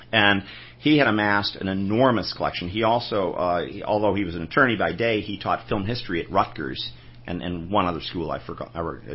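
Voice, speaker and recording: A man's voice: fairly low pitch, breathy edge, muffled recording. A man telling anecdotes in a casual interview, rambling and restarting his sentences. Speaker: film collector guest.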